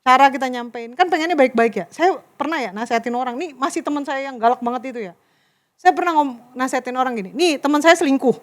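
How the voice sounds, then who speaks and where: A young woman giving a chatty, animated youth sermon and talking straight to the crowd. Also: sits high, fast talker. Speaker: youth preacher. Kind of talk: casual sermon.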